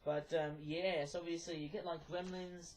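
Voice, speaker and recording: Rambling, hesitant man with a higher-pitched voice. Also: flat delivery, normal speed, a little mellow, a little hiss or hum. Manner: rambling, hesitant, repeats himself. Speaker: YouTube vlogger. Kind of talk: casual rambling vlog to camera.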